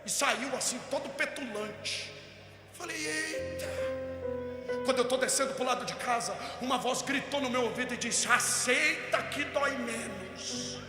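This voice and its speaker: High-voiced man preaching in an echoey hall. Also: fairly quick. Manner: animated storyteller, rising to shouted preaching. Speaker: pastor. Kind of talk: impassioned sermon storytelling. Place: large hall at a youth event. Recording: echoey hall with music behind.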